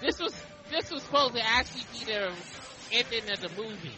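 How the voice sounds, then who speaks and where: A man's voice: very high voice, lively intonation, fairly quick, over music, low-quality recording. A man hosting a casual podcast chat, loose and joking, swearing freely. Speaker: podcast host.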